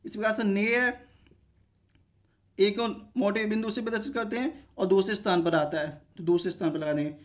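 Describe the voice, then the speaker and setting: A man's voice: high voice, fairly even intonation, moderate pace. Hindi man teaching shorthand step by step. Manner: asks himself questions and answers them, stops to check understanding. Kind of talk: step-by-step lesson explanation.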